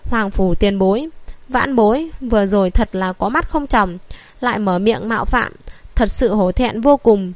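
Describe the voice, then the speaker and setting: A woman's voice: medium pitch, moderate pace, dry recording, close to an everyday voice. A woman reading an audiobook voices an old male physician who begs forgiveness in an overexcited, humble rush. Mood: excited, humble. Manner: breathless, humble pleading.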